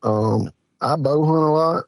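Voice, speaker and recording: A man in his forties from Mississippi, with a Southern US accent, appears as a guest hunter in a casual interview, telling rambling, folksy stories with lots of fillers. His voice is on the high side at a measured pace, recorded at studio quality with no room sound.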